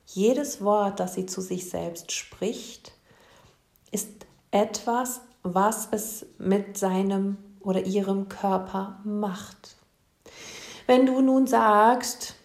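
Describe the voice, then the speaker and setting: A woman hosting her own podcast as a spiritual coach, speaking gently and addressing the listener directly in a soothing monologue. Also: medium pitch, vocal fry, roomy sound.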